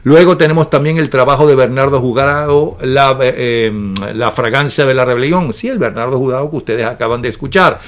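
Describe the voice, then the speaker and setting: Bantering male news-show host. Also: medium pitch. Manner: jokey, teasing, quick questions.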